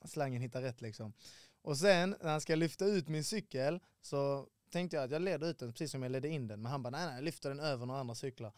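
A man's voice: medium pitch, few pauses, dry recording, clean studio sound. A Swedish man in his twenties, a podcast guest telling a travel story in casual chat and acting out the voices of the people he met. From Sweden. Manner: animated storyteller, acts out quoted voices.

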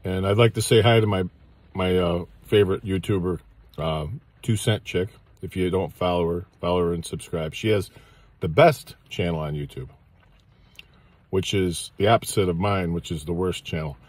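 A man in his sixties reviewing fast food in a rambling, jokey, self-mocking way, filming himself on a handheld camera. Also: low voice, darkish tone, no echo. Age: 60s. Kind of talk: casual food review vlog.

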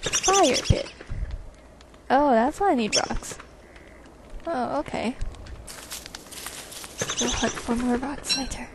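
A woman's voice: sits high, lively intonation, takes it slowly, long pauses, noisy background. A woman giving casual gameplay commentary at home, talking to herself with bemused exclamations. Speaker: let's play gamer. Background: loud game music.

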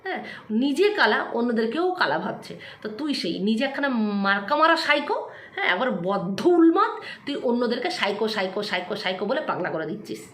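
A woman's voice: on the high side, very animated, quick pace, fairly bright tone. A woman vlogger delivering an angry, taunting rant straight to the camera, scolding and repeating herself. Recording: echoey room.

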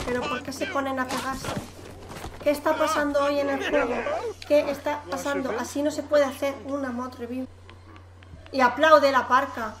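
A woman's voice: sits high, level tone, moderate pace, over a noisy crowd. A woman from commentating her game with teasing humor and frequent laughter. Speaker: gaming youtuber. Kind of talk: excited gameplay commentary. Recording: echoey room with noise.

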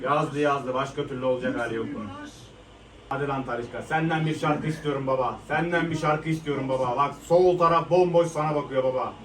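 A man's voice: medium pitch, steady tone, fairly quick. Fuming man reacting to a live match. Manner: frustrated, swearing, shouting at players. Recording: echoey room, mic at a distance.

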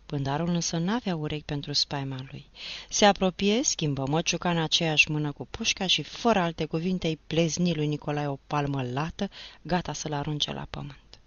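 A woman's voice: low voice, dry recording. A woman from Romania narrating a novel as an audiobook, reading with dramatic expression, in a dull lo-fi recording.

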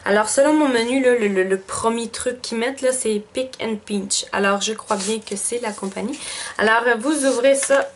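A woman's voice: on the high side, normal speed, a little hiss or hum. A woman with a Quebec French accent chatting casually through a beauty box unboxing, thinking aloud with lots of fillers. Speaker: beauty vlogger.

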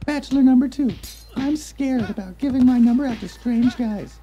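A woman's voice: sits high, normal speed, mellow, highs cut off, faint music behind, lightly acted. A woman voicing a coy ghoul scream queen who politely questions her dates in a comedy animation.

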